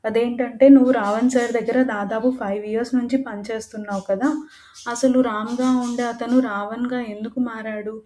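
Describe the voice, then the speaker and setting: A woman voicing a feisty young woman in a romance audio story, sharp-tongued with her fiancé. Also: fairly high pitch, fairly even intonation, brisk, crowd noise, lightly acted. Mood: curious.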